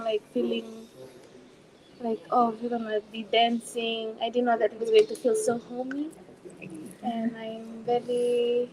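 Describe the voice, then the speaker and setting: A woman with a high, flat voice introduces herself to the group. She talks hesitantly and fills her pauses with "like" and "um". A crowd murmurs behind her. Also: rough recording. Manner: hesitant, filler-heavy. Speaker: workshop participant. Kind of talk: casual introduction.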